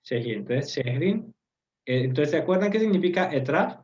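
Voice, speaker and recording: A man's voice: a little high, sing-song, moderate pace, a little mellow, lo-fi sound. A man teaching a language lesson to an online group, patiently explaining with frequent fillers and checking understanding with tag questions. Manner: hesitant, many fillers. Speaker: Turkish teacher. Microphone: video call.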